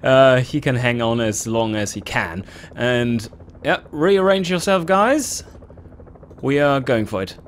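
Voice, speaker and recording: A man with a mid-range voice hosts a let's play, casually commenting on his gameplay. He's animated and quick to swear and laugh in frustration, with a little hiss or hum in the recording.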